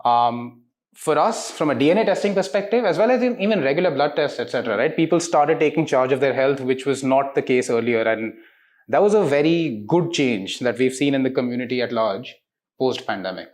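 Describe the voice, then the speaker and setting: In a mid-range voice and at a fairly quick pace, a man in his 30s gives articulate, explanatory interview answers as a diagnostics company representative, dotting them with rhetorical questions.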